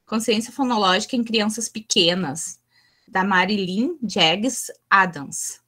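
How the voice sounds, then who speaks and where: A woman's voice: mid-range voice, takes it slowly, sharp tone. A woman, an early childhood educator giving a chatty teacher-training lesson. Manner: chatty, asks the group for go-ahead.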